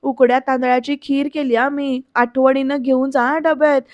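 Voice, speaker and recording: A woman's voice: high voice, little pitch movement, normal speed, no echo, highs cut off, close to an everyday voice. A woman reading the lines of a caring older aunt who fusses over her niece's breakfast. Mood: fussing. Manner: fussy, motherly.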